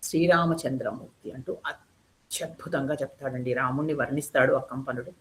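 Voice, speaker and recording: A woman's voice: very deep voice, moderate pace, slight background noise. A woman narrating an episode of an old epic for listeners, stopping to explain old words and correcting herself as she goes. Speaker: storyteller. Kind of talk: devotional epic retelling.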